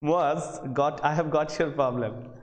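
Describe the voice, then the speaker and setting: A fairly high-pitched man with a Bangladeshi accent gives a live English grammar lesson as a lecturer, speaking at a measured pace. He addresses students, often repeating phrases and questions and calling out names, in a very echoey room with long reverb.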